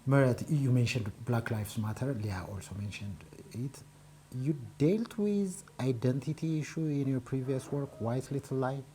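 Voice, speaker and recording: Man, interview host, measured, mid-pitched, faint background noise. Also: warm tone. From Ethiopia. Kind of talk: interview questions.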